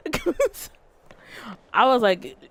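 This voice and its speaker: A woman streamer telling a story and chatting with her viewers, animated and full of swearing. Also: extremely high pitch, extremely slow. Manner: profane, animated, talks straight to chat. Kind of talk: casual livestream storytelling and chat.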